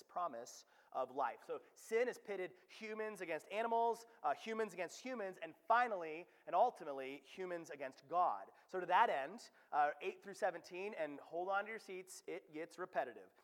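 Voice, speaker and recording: A man preaching a sermon, with animated, conversational delivery and playful asides. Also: on the high side. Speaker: pastor. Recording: long hall reverb.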